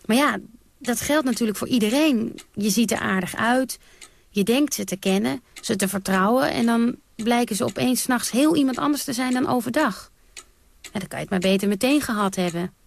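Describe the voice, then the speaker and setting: A woman's voice: on the high side, normal speed, vocal fry. A brash, defiant woman. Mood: wry. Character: brash, defiant woman telling of wild nights. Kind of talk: theatrical radio monologue.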